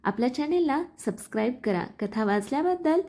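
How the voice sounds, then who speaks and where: A woman's voice: high voice, expressive, a little fast, dark tone. A woman narrating a dramatic love story, reading out the scene cues along with the story.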